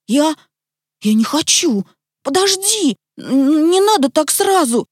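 A woman's voice: lively intonation, takes it slowly, no echo, studio quality, exaggerated voice. Woman doing a pleading young schoolboy. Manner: high, pleading, stammering. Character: sleepy, whiny young schoolboy.

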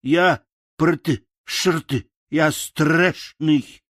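A man's voice: fairly high pitch, drawn-out words, fairly bright tone, no echo, clean studio sound, voice pushed up, heavily acted. A man voicing a kind, sad male scarecrow who stumbles over his words and mixes them up. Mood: stammering.

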